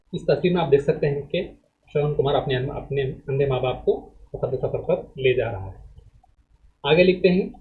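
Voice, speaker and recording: Man teaching in narrow phone-like audio. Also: on the high side. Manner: measured, explanatory lecture delivery with restarts. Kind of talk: reading a text aloud and explaining it to students.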